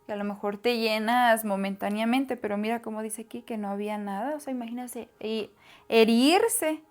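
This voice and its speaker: A woman co-hosts a casual Bible discussion, agreeing with her partner and adding her own reflections, often filling in with "ujú" and echoes. Her voice is on the high side and moves at a moderate pace.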